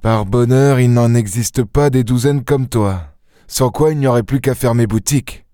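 A man reading a story aloud, voicing an old police inspector who is gruff, blunt and incredulous. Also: mid-range voice, a little slow, darkish tone, no echo, clean studio sound, lightly acted.

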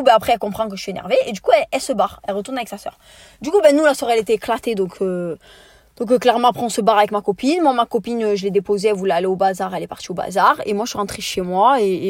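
Fast-talking indignant young woman. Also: medium pitch, no echo, studio quality. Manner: animated, indignant storytelling with slangy asides. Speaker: podcast host. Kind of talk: casual storytime monologue.

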